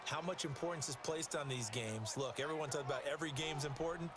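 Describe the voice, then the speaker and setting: Male color commentator, fast-talking and explanatory, slightly high voice, loud game ambience underneath actor role. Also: noisy background, close to an everyday voice. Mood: analytical. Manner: explanatory, chatty. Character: talkative male football analyst, explaining plays to partner.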